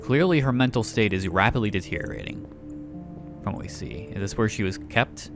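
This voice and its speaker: A man's voice: fairly low pitch, animated, a little fast, music in the background. A man giving casual let's play commentary, thinking aloud and reading game notes. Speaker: gaming YouTuber.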